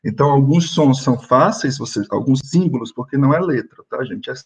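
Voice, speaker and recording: Husky-voiced man teaching on a call. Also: medium pitch, animated, brisk, darkish tone. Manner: patient, explains step by step and has students repeat. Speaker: French teacher. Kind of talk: online class teaching.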